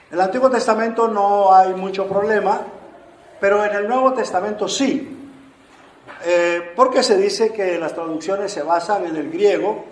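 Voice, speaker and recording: A man giving an unhurried, explanatory lecture on Bible translation to an audience, often pausing with "eh" fillers. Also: sits high. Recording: roomy echo.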